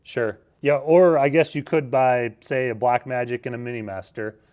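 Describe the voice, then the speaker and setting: A man with a medium-pitched voice hosts a casual interview. He sounds informal and agreeable, steering the chat and responding with enthusiastic phrasing. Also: fairly even intonation, moderate pace, a little mellow.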